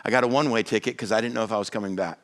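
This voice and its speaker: A man quoting a chatty, friendly male worship pastor on vacation, talking eagerly in a lower, softer tone. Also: fairly even intonation, rapid-fire, close to an everyday voice. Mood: earnest.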